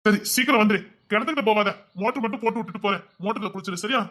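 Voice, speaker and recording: An actor playing a devoted husband who gently and insistently coaxes his wife, repeating himself as he pleads. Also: high voice, rapid-fire. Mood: tender. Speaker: husband in a drama series. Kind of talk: emotional drama acting.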